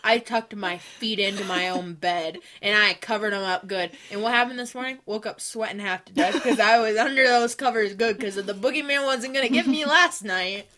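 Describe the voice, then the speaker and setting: A young woman co-hosting a podcast, telling stories in casual chat, animated and full of likes. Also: mid-range voice, moderate pace, hardly any pauses. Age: young adult. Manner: animated storytelling, many likes, laughs while talking. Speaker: podcast co-host.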